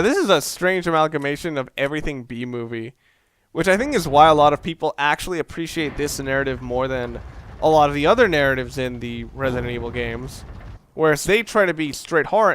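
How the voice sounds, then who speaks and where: A young man with a slightly high, fairly bright voice gives casual, rambling let's play commentary, swearing often and poking fun at himself.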